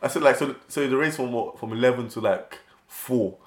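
A man's voice: mid-range voice, a little fast. Young london roadman guy, slangy blunt podcast banter, bit of an echoey room. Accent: London, urban roadman slang. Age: early 20s.

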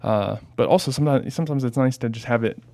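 A man's voice: mid-range voice, fast, darkish tone. A man hosting a parish podcast in casual chat, often hesitant with fillers and restarts. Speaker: podcast host.

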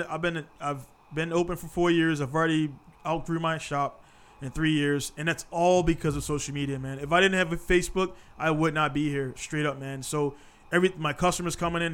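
A man's voice: fairly high pitch, fairly even intonation, quick pace, fairly bright tone, smooth. A man in his thirties hosting a casual podcast chat, laid-back and peppering his talk with "man". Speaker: podcast host.

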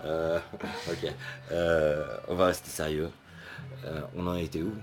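A man's voice: extremely low pitch, level tone, measured pace, soft background music. A man hosting an interview in French, joking and rambling playfully between questions. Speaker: host. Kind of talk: interview conversation.

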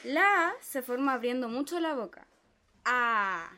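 A patient, pedantic philosophy tutor, voiced by a woman, lays out each lesson step by step. The tone sits a little high and stays methodical. It is a dramatic reading. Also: lively intonation, normal speed, sharp tone. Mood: instructive. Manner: methodical, explanatory. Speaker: reader playing a tutor.

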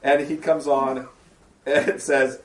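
A man leads an informal Bible study for a small group, reading scripture aloud and explaining it through casual asides and check-in questions to the group. His medium-pitched voice is level and slow. The echoey room leaves him sounding far from the mic.

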